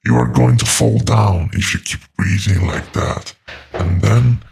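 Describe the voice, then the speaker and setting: In a horror audio drama, a man voices an ancient, patient demon, his gravelly, lowish voice carrying a calm, mocking, deliberate menace.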